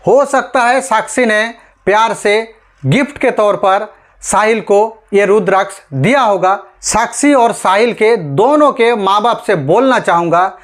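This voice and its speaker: An Indian man with a high-pitched, slightly bright voice delivers scripted online news commentary at an unhurried pace. He speaks emphatically, poses rhetorical questions, and talks to listeners directly as friends.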